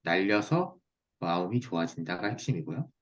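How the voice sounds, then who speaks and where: A man's voice: low voice, big pitch swings, normal speed. A man teaching in a one-on-one online lesson, explaining step by step and checking understanding with short tag questions. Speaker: teacher of Korean saju fortune-telling. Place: online video call. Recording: muffled, lo-fi video call audio.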